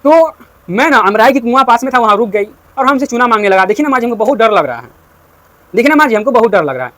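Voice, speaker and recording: A man's voice: very high voice, animated, fast, a bit bright. A man voicing a frightened village dairywoman, pleading and repeating her complaints, retelling a story in class.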